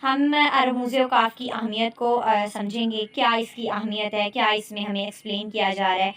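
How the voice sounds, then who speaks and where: Woman, Pakistani accent, patient lecture style, checks in often, fairly high pitch. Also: fairly even intonation, fairly bright tone. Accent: Pakistani Urdu. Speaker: Quran recitation teacher. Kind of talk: online lecture.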